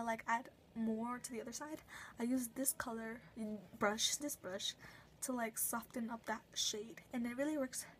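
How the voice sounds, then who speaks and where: A woman's voice: sits high, a little hiss or hum, low-quality recording. A young woman casually reviewing her makeup brushes at home, rambling with lots of fillers and self-corrections. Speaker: beauty vlogger.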